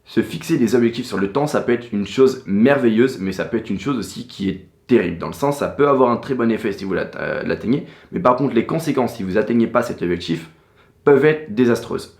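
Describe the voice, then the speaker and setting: A man's voice: medium pitch, animated, fairly quick, darkish tone, roomy sound. A man who runs an agency, giving casual business advice straight to camera, loose and repetitive, with plenty of fillers. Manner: loose and repetitive, many fillers like "du coup" and "en fait". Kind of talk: casual talking-head advice vlog.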